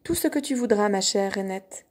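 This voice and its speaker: A woman's voice: medium pitch, moderate pace, a little mellow, close to an everyday voice. A woman playing a spoiled young princess. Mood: pleading.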